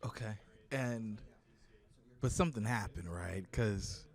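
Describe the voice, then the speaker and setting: A man's voice: lowish voice, takes it slowly. A man hosting a podcast interview, with a teasing, joking way of talking. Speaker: podcast host. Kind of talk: casual interview talk.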